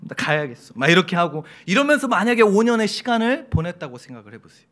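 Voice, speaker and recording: A middle-aged man preaching a sermon to his church, lively and humorous, acting out quoted voices as he tells the story. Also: high-pitched, fast talker. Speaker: pastor. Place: church sanctuary.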